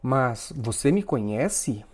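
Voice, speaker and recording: A man's voice: mid-range voice, big pitch swings, takes it slowly. A man voicing a grieving young woman who is guarded and sullen with strangers, in a read-aloud story. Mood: wary. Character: grieving young woman, wary then tearful.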